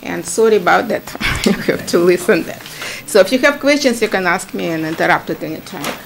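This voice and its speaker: A middle-aged woman from Ukraine with a Ukrainian accent, giving chatty, halting testimony full of fillers at a standing microphone in a town meeting. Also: fairly low pitch, expressive, vocal fry, noisy background. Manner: chatty, halting, many fillers, laughs easily. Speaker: applicant at a public hearing.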